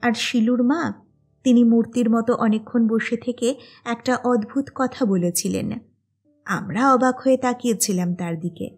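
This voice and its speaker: A woman calmly narrating a novel aloud in a measured reading style. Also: a little high, slightly rough, faint music behind. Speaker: audiobook narrator.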